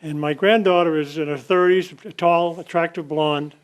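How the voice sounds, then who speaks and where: Older man with a high-pitched voice, telling anecdotes. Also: steady tone, normal speed, smooth, lo-fi sound. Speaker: audience member telling a story. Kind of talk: humorous anecdote told to a group.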